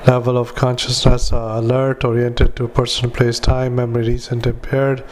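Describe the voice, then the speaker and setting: Monotone man doing clipped medical dictation. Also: mid-range voice, normal speed, slight background noise. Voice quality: flat, monotone delivery. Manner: clipped fragments, spoken punctuation and formatting commands. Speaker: clinician dictating patient notes.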